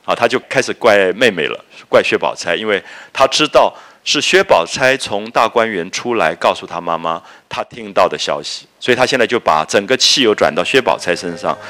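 Male lecturer, lowish voice with very expressive pitch, conversational storytelling style with filler words. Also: fairly quick, hardly any pauses. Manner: lively explaining, sprinkled with "ah" and "okay" fillers. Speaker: literature lecturer. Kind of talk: lecture retelling a classic novel.

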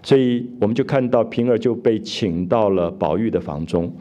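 Mellow low-voiced man lecturing. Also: normal speed. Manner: retells scenes and asks listeners rhetorical questions. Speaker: literature lecturer. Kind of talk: explanatory lecture on a classic novel.

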